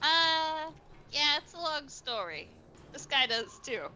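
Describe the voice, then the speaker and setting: A woman's voice: high-pitched, expressive, takes it slowly, pushed and bright, muffled recording. A woman playing a tabletop role-playing game, chatty and often laughing as she speaks in character. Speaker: player.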